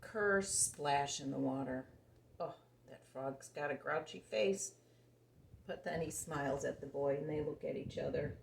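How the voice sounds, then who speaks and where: This woman's voice sits low and moves a little slowly, with some vocal fry, as she animatedly reads a picture book to young kids. She keeps it simple and expressive and puts questions to her listeners. The recording has a roomy echo and faint background noise.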